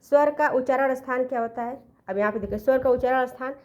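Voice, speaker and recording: A woman teacher giving an exam-prep grammar lesson, explaining step by step, asking her own questions and answering them, sometimes correcting herself. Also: high voice. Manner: self-corrects, counts letters aloud slowly.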